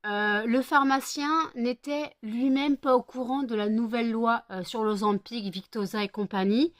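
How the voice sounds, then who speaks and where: Woman vlogging, chatty, lots of ums, a bit high voice, dry sound. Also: fairly even intonation, moderate pace, dry recording. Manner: chatty, many hesitations, scolding pets affectionately. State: tired. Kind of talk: casual vlog chat.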